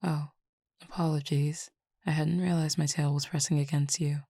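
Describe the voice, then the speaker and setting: A woman plays a languid, desire-feeding cupid for an audio roleplay, murmuring to the listener in a deep, husky, gravelly voice. The tone stays level, formal and measured, with a quiet tease. The close, dry recording has no room sound.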